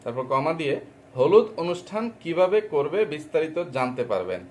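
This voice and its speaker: A man's voice: fairly high pitch, sing-song, a little fast, darkish tone, slight background noise. A man delivering an angry, insulting rant as a reaction vlogger, scolding and mocking another vlogger.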